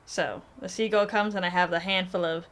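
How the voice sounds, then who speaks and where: A woman's voice: fairly low pitch, steady tone, a little fast, a bit bright. A woman playing her character in a tabletop role-playing game, teasing and joking. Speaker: player.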